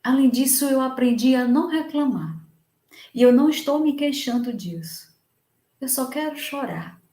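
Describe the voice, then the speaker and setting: A woman voicing a grieving male medium, speaking softly and pleadingly as he asks to be allowed to cry. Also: sits high, animated, moderate pace, echoey room. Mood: sad pleading. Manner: soft, pleading, tearful. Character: grieving older male medium, gentle and tearful.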